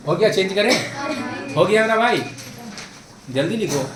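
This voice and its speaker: A man's voice: sits high, animated, measured pace, music in the background. A man teaching a math class, quizzing his students constantly and asking for yes or no answers. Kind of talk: classroom lesson. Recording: echoey classroom taken from far off. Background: students in the room.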